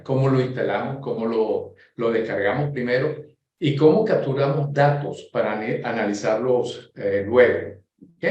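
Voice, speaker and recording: A man from Venezuela presenting a software course in a webinar, explaining step by step and often checking in with his listeners. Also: medium pitch, heavy reverb. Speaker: course instructor.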